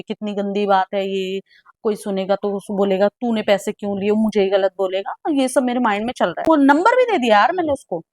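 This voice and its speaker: A young woman with a rather high voice tells a personal story in a casual, animated style, full of exclamations and mixing in English words. The recording is studio quality with no room sound.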